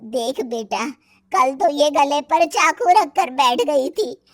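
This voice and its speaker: A woman voicing a sharp-tongued older mother-in-law in a cartoon story, scolding and nagging. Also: high-pitched, slow pace. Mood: complaining. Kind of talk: Hindi cartoon story voice acting.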